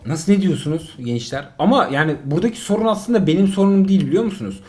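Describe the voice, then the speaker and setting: Excitable man commenting on a game. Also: sits high, quick pace, faint music behind. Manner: excitable, exasperated, joking. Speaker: father playing a mobile game with his son. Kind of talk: casual gaming commentary.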